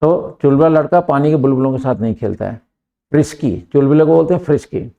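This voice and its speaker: A middle-aged man with an Indian accent teaching an English grammar lesson in Hindi and English, slowly dictating example sentences and often asking "clear?". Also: fairly high pitch, phone-quality sound. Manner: slow deliberate dictation of example sentences, frequent "clear?" checks.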